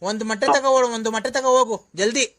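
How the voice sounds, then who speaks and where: A man with a Doddaballapur Kannada accent making a prank phone call. He shouts, scolds and accuses. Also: extremely high pitch, fairly even intonation, racing, a crowd in the background.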